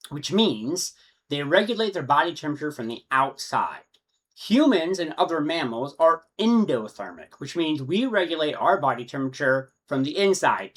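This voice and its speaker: A man's voice: on the high side, fairly bright tone. A man with a Texan accent explaining insect care in a casual, rambling way, often correcting himself mid-sentence. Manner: rambling, self-correcting, conversational. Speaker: insect breeder. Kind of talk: casual instructional talk. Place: his room with his insects.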